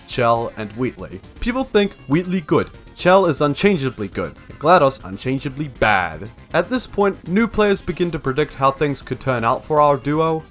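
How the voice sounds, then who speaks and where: A young man's medium-pitched voice narrates a scripted video essay, moving animatedly up and down in pitch as music plays in the background.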